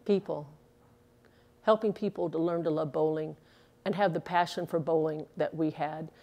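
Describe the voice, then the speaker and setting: The audio sounds dull as a woman in her sixties, an ex-pro bowler, gives casual, earnest interview answers sprinkled with filler words. Her low, dark voice holds a steady tone at a moderate pace, picked up by a lapel mic inside a bowling alley.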